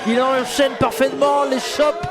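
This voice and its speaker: A man doing excited live play-by-play as a wrestling commentator, shouting out moves and stretching words. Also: extremely high pitch, normal speed. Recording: loud music and roaring crowd behind. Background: loud music, cheering crowd at wrestling show.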